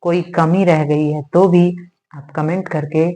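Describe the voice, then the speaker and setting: A woman teaching Sanskrit grammar in an online lesson, explaining slowly and repeating sounds for her students to say. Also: deep voice, fairly even intonation, warm tone. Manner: addresses viewers as "beta", asks "hai na?".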